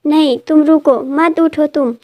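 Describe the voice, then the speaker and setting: A woman reading the lines of a caring young woman healer who gently urges a wounded friend to rest. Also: high voice, steady tone, measured pace. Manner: soothing, urging rest.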